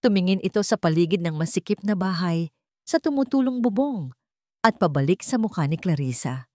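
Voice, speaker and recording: A woman with a Filipino accent narrates a scripted dramatic story in a lowish, darkish voice with lively intonation and a moderate pace. The studio-quality recording has no room sound.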